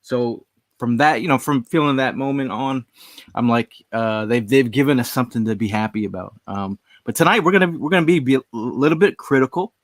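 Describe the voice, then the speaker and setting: Speaking a little fast in a mid-range voice, this sports podcast co-host keeps the chat loose and meandering, often dropping "you know." The recording is clean studio audio without echo.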